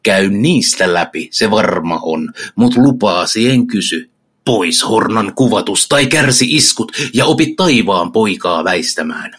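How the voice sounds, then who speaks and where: A man's voice: fairly low pitch, lively intonation, a bit bright, breathy edge. A man voicing Satan as a proud, defiant fallen angel, reciting archaic verse with haughty threat.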